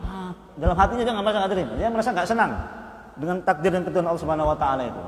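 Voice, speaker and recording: A male preacher giving a lively mosque study lesson, repeating points and chuckling with listeners. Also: high-pitched, rapid-fire. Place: mosque hall. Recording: echoey hall, long reverb.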